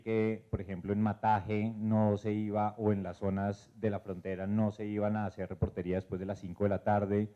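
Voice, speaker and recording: Low-voiced man, hesitant. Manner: measured, hesitant with many fillers. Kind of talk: panel discussion. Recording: dull lo-fi event recording.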